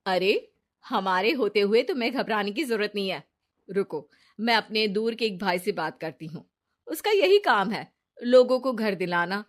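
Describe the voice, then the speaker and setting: A woman voicing a scheming, sweet-talking young woman friend in an animated storybook, with coaxing, persuasive chatter. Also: mid-range voice, normal speed, lightly acted.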